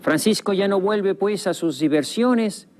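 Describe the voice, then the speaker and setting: A man giving scripted documentary narration in a solemn, measured voice with dramatic pauses. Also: high voice, darkish tone, a little hiss or hum. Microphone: studio voice-over. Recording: voice-over over guitar music. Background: guitar music.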